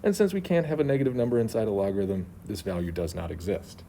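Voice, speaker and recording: A man teaching math in a mellow, dark voice that is slightly muffled behind a face mask. He explains worked solutions step by step. There is faint noise behind him at a school. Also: on the low side, fast, creaky. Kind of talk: homework solutions walkthrough, explanatory.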